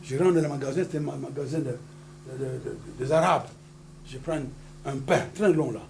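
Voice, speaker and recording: Un pasteur originaire du Congo, avec un congolais, prêche avec emphase dans une salle d'église et lance des alléluias à l'assemblée. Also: male voice, mid-range voice, moderate pace, gravelly, a little mellow. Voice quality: emphatic, repeats hallelujah to the congregation. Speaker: pastor. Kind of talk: sermon with call-and-response. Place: church hall. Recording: noisy church hall recording.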